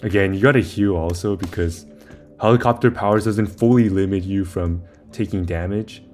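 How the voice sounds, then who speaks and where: A man's voice: deep voice, normal speed, darkish tone, faint music behind. A young man giving a casual, informal game walkthrough, rambling a little as he talks through each step while playing. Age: young adult. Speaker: video maker giving game guide.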